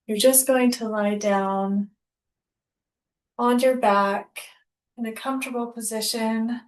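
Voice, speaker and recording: A woman with a fairly high-pitched voice instructs a guided yoga nidra relaxation. She speaks calmly, pausing between short, deliberate phrases.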